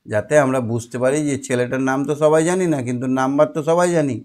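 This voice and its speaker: A man teaching a young child their homework, asking questions patiently and explaining slowly. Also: medium pitch, darkish tone.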